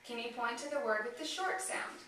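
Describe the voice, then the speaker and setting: A woman working as a speech therapist, talking slowly and encouragingly to a child in exaggerated, simple phrases. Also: on the high side, lively intonation, bright, forceful tone, a little hiss or hum. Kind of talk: child-directed therapy demonstration. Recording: echoey room, mic far off.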